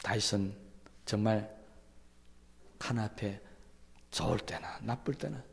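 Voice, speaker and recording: A man preaching a sermon as pastor, swinging from loud emphatic peaks to soft low asides and asking the congregation many rhetorical questions. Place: church sanctuary. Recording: long church hall reverb.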